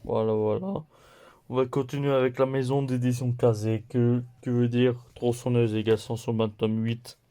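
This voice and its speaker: Un homme qui présente ses achats de mangas de la semaine sur un ton décontracté, en énumérant les titres un par un et en riant de ses erreurs. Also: male voice, medium pitch, flat delivery, dark tone, clear, resonant tone. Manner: slow, listing titles one by one; playful, laughs at own mistakes. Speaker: manga haul vlogger. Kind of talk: casual haul video chat.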